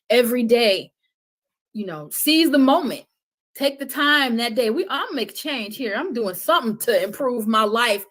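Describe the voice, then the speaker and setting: On a podcast, a female guest with a fairly high, slightly bright voice testifies passionately yet conversationally about love and healing. Emphatic and preacher-like in cadence, she repeats phrases for weight.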